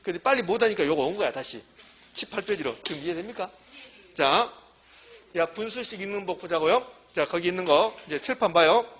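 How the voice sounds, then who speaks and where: A man's voice: high voice, a bit bright, husky. A middle-aged man lecturing a class for a real estate exam, repeating key points emphatically as he works through examples on the board. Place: classroom with a blackboard.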